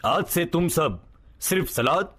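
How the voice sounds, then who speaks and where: A man voicing a stern, bossy middle-aged family doctor in a cartoon story, with a husky voice and a lecturing manner. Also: a little high, animated, slow pace, fairly bright tone, heavily acted.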